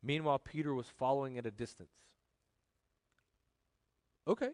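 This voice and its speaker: A man preaching a sermon as pastor, animated, swinging from loud emphasis to quiet joking asides. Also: mid-range voice, moderate pace, no room sound.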